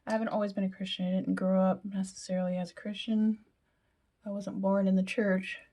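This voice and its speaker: A woman's voice: mid-range voice, flat delivery, fairly quick, dark tone. A young woman chatting casually through a makeup tutorial, with self-deprecating asides that sometimes drop to a whisper. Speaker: beauty vlogger.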